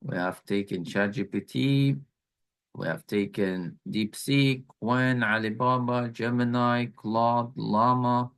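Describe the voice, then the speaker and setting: A man teaching an online class, slowly walking students through challenges and repeating key points. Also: mid-range voice, steady tone, a bit bright, smooth. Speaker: instructor.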